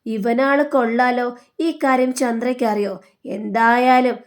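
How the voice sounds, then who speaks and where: A woman's voice: on the high side, fairly even intonation, a little slow, lightly acted. A woman reading the lines of a nosy, gossipy middle-aged woman in a TV serial recap. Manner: nosy, exclaiming.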